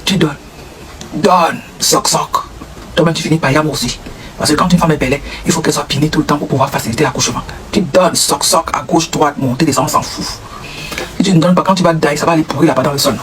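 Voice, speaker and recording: A man's voice: fairly high pitch, fast talker. A man with a Cameroonian French accent giving comic advice, acting out little dialogues and sound effects. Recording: noisy recording.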